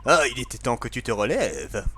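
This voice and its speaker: A man voicing a stern middle-aged mercenary father in a video game with a gruff, deeper voice. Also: sing-song, normal speed, pushed and bright, a little hiss or hum. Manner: gruff, deeper, more manly.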